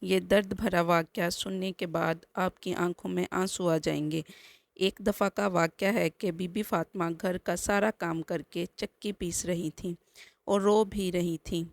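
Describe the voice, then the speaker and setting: A woman narrating a religious story slowly and mournfully, appealing to her listeners. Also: lowish voice, fairly even intonation, creaky, no echo.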